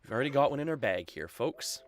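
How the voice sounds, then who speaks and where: A man's voice: mid-range voice, big pitch swings, fast talker. A Canadian man chatting casually on his live game stream through a headset, full of fillers and laughs.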